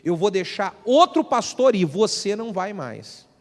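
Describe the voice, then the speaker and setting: A man preaching a sermon, telling a story with animated delivery and acting out the people in it, at a live church service. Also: high voice, unhurried, long reverb tail. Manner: animated, acts out the people in his stories. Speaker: pastor. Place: church hall.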